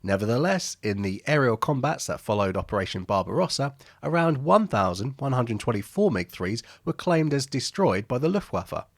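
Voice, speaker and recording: A man's voice: medium pitch, big pitch swings, moderate pace, few pauses, no room sound, clean studio sound. A man narrating an aviation history video as a scripted voice-over, with wry, jokey asides between the statistics.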